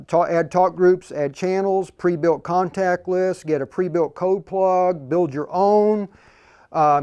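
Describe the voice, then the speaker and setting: A man's voice: sits high, a little mellow, clear, resonant tone. A man hosting a live radio demo on a lapel mic, talking casually and using ham radio call-sign talk. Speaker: host and instructor.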